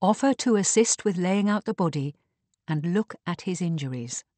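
A man's voice: high voice, expressive, moderate pace, a little mellow, no echo. A polite but firm young heroine, read by a man, urgent and composed. She stays close to the reader's own voice. The sound is dry.

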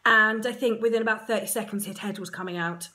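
An Englishwoman telling a personal story to camera in a chatty, frank, self-mocking way, full of quick asides. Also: mid-range voice, pushed and bright. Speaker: surrogate mother vlogger.

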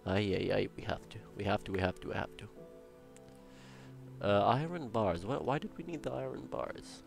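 A young man with a gravelly voice hosts a building game channel, muttering to himself, counting blocks and tossing in playful Spanish words. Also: on the low side, moderate pace, faint music behind. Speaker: Minecraft building channel host. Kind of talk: casual gameplay commentary.

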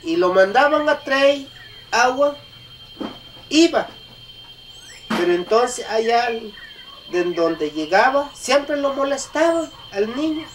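A man with a Mexican accent telling a folk tale aloud, halting and restarting often. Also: very high-pitched, very animated, far from the mic, a little hiss or hum. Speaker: storyteller. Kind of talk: oral folk storytelling.

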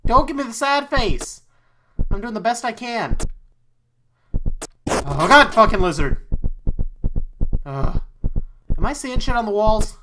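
A man giving let's-play commentary on a horror game, easily startled, swearing often, and talking himself into calming down. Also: very high-pitched, normal speed, a little hiss or hum, poor audio. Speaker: YouTube let's player.

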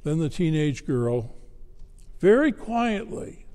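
Slow, high-voiced man preaching in an echoey church. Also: big pitch swings, a little mellow. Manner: measured storytelling delivery. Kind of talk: sermon.

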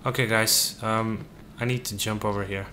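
A man's voice: fairly low pitch, fairly even intonation, normal speed, sharp tone, slight background noise. A man giving casual gameplay commentary, joking and talking to the game's characters as if they were his crew. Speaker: let's play gamer.

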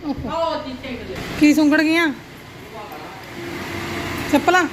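A woman's voice: sits high, steady tone, slow pace. A middle-aged Punjabi woman chatting casually for a family vlog, with a dramatic, exclamatory auntie-like delivery. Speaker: vlogger. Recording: noisy handheld vlog recording.

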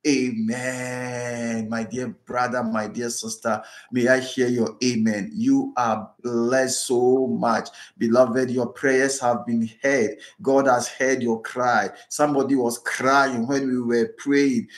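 Fervent Ghanaian priest leading prayers. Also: male voice, mid-range voice, little pitch movement, slow, few pauses, echoey room. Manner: repetitive, fervent, exhorting.

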